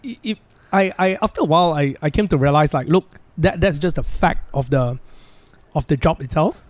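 A man with a Malaysian accent explains things in a casual, practical way. His voice is a little high and comes through close and very dry on a podcast mic. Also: normal speed, a little mellow, no room sound. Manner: practical, plain-spoken. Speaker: financial planner, podcast guest.

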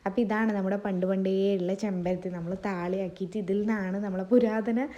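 A woman's voice: medium pitch, fairly even intonation, brisk, mellow, muffled recording. A woman narrates a family vlog in a chatty, rambling way, her voice wavering from a sore throat. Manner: chatty, rambling, speaking to viewers. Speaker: family vlogger. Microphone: phone.

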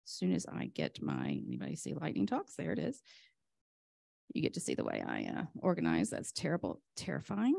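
Flustered woman giving a rushed lightning talk, creaky low voice. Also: wildly swooping pitch, darkish tone, no room sound, studio quality. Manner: flustered, chatty self-interruptions while juggling laptop; enthusiastic. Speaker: conference speaker, software vendor presenter.

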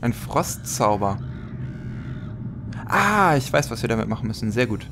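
A man's voice: medium pitch, sing-song, unhurried, noisy background. A man giving casual, joking game commentary as a let's player, thinking aloud as he plays.

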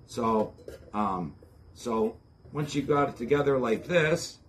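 A plainspoken man in his fifties with an Ontario accent, talking at an ordinary mid pitch. He explains things casually and in a folksy way, like a how-to host outdoors on his patio, a little back from the camera. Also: animated, takes it slowly, a little hiss or hum. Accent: Ontario Canadian. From Ontario, Canada. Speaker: host of outdoor preparedness channel. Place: covered backyard patio, outdoors.

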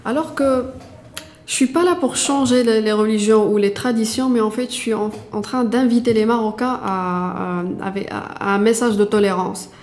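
A young woman with a Moroccan accent in French, giving halting, conversational interview answers with repeated words. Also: a little high, a little mellow, slight background noise. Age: young adult. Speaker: interview guest, artist. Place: small radio-style studio. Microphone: desk microphone with pop filter.

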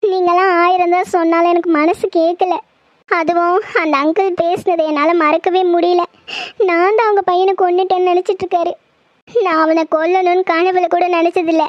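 A woman's voice: extremely high pitch, little pitch movement, moderate pace, no echo. A woman voicing a grief-stricken young woman doctor, tearful and shaken, in a horror audio drama. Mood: distraught. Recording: dull lo-fi, dry.

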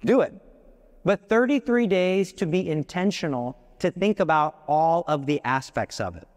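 A man's voice: a little high, expressive, normal speed. A man giving a live devotional talk to an audience. He is passionate and emphatic, with big swings in his voice and joking asides. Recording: long hall reverb.

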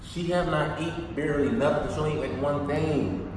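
A man's voice: on the high side, moderate pace. A man in his twenties who speaks with braces, bantering casually and teasingly as a vlogger. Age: 20s. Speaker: vlogger hosting challenge video. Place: large bare room indoors. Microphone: camera a few feet away. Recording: echoey hard room, distant mic, background noise.

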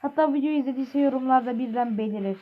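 Woman, higher voice, excitable trash-talking game commentary on a dull close mic. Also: quick pace. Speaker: gaming video creator. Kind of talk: casual gameplay commentary. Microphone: close desk mic. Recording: muffled lo-fi mic with faint hiss.

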